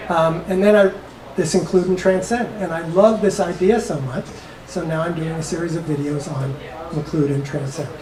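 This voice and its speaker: A woman's voice: low voice, steady tone, moderate pace, recorded from a distance, a crowd in the background. A woman in her sixties talks casually as a coach, her voice wearing thin as she laughs through asides. She sounds as if she is losing her voice. The room is echoey, with an audience murmuring around her. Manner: chatty, laughing, trailing asides. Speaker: coach giving a talk. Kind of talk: casual talk to a small audience.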